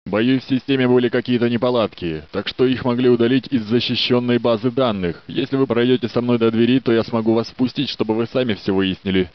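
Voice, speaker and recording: These are Russian game dub lines for a friendly security guard at a research facility, played by an actor as courteous, dutiful, polite and slightly flirtatious. He speaks fairly quickly with few pauses, at medium pitch and with fairly even intonation, in a clean tone close to an everyday voice. The studio sound is dry and dull.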